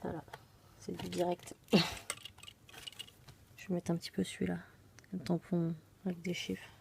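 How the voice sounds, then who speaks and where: Gravelly-voiced woman chatting through a craft demo. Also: lowish voice, monotone, measured pace, darkish tone, slight background noise. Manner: chatty, self-deprecating, often drops to a murmur. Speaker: scrapbooking demonstrator. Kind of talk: casual craft tutorial narration.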